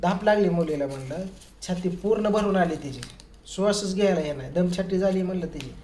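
A man's voice: high-pitched, fairly quick. A man telling a family story to the camera in a casual way, acting out what others said. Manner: lively retelling that acts out others' quoted words. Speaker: family vlogger. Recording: echoey room with faint ambient noise.

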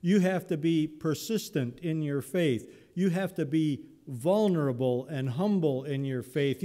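A man preaches from the pulpit, taking his time and speaking in a mellow, warm tone. He tells Bible stories conversationally, with some humor. His voice rings out into a reverberant church sanctuary. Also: on the high side. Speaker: pastor. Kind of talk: sermon.

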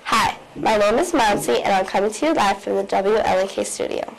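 A young woman student reading the school's morning announcements from the studio in a bright read-aloud way. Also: medium pitch, brisk, vocal fry, a little hiss or hum, poor audio.

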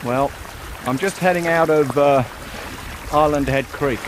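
A sailing vlogger in his fifties with an Australian accent chats casually to his own camera, outdoors on a windy beach and aboard a small sailboat. His voice is fairly high and unhurried, with a noisy background picked up by a handheld or mounted camera mic. He's laid-back and rambling, dropping lots of "uh" fillers.

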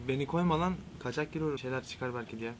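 A man's voice: mid-range voice, fast talker, crowd noise. A young man chatting casually with a friend over a video chat, in laid-back, slangy banter.

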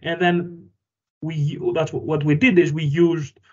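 A man's voice: fairly high pitch, level tone, a little slow, lo-fi sound. A man from Greece, founder of a food company, answering interview questions thoughtfully with frequent fillers and restarts.

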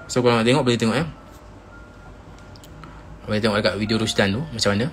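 A man's voice: on the low side, fast talker, slight background noise. Seorang pria muda beraksen Melayu Malaysia menceritakan kisah secara santai lewat siaran langsung dari ponsel, menirukan teriakan teman-temannya dengan hidup. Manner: animated, acts out friends' shouts in quoted lines. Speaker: Instagram live host. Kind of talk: casual storytelling on a live stream. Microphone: phone.

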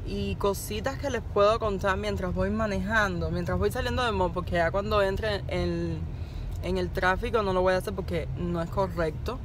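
A young Cuban woman with a Cuban Spanish accent vlogs casually into her phone camera, held at arm's length, inside a car that is parked and then driving at dusk. Her mid-range voice is steady and moves at normal speed as she rambles in an upbeat, encouraging way, laughing at herself. Faint car and road noise sits in the background.

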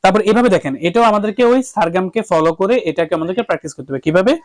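A man's voice: high-pitched, lively intonation, fast, no room sound. A man teaching a singing lesson who explains each step, checks in with the class, and sings vowel exercises. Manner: explains step by step, often asks "okay?", then sings sustained vowel drills. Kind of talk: vocal lesson with harmonium.

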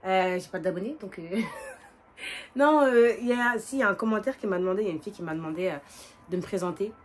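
A woman in her twenties with a northern French accent, chatting casually and quickly as a vlogger while doing her makeup, with lots of fillers and restarts. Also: mid-range voice, a little hiss or hum. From northern France. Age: 20s. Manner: fast, animated, many fillers and restarts.

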